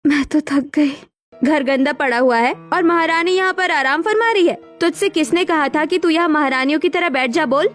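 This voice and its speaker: A woman's voice: a little high, normal speed, darkish tone, faint music behind, close to an everyday voice. A woman voicing a cruel, bossy young woman who scolds and mocks sarcastically in a dramatized moral story. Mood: scornful.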